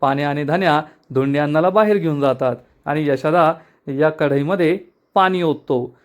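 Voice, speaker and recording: A man narrating a TV episode recap briskly, addressing the viewers as friends. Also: fairly high pitch, clean tone.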